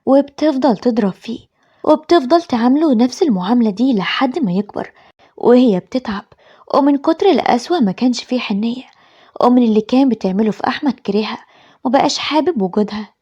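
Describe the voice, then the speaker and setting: An Egyptian woman tells a dramatic story in the first person with an earnest delivery. Her voice is husky, mellow and a bit high, and the recording sounds dull and lo-fi. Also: expressive, fast talker. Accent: Egyptian Arabic. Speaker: narrator.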